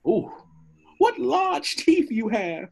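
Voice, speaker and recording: A man plays an excitable, cowardly cartoon donkey with a husky voice. He rambles and wheedles nervously, taking his time over the words. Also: very high voice, takes it slowly, heavily acted. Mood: nervous flattery. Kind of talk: animated film script table read.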